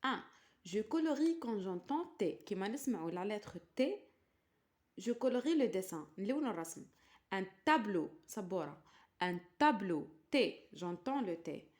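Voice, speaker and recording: A woman with an Algerian accent teaching a slow primary-school French lesson, spelling out letters and words clearly and translating into Arabic. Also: medium pitch, sing-song, a little mellow.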